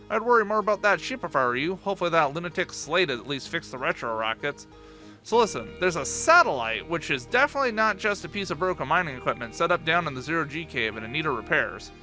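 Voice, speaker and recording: A man's voice: high voice, sharp tone, pitched above the performer's own voice, exaggerated voice. A man reading aloud the lines of an alien flight coach in a video game, playful and teasing.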